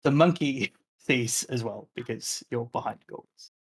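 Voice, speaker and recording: A man narrating a tabletop role-playing game as its game master. He speaks in a mid-range voice and takes his time, filling pauses with ums and likes. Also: mid-range voice, slightly rough. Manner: measured, unhurried narration with filler words.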